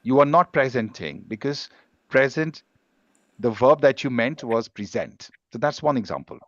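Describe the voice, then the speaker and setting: A man's voice: mid-range voice, brisk, dry recording, dull audio. A man teaching an English pronunciation class on a video call, explaining patiently with examples.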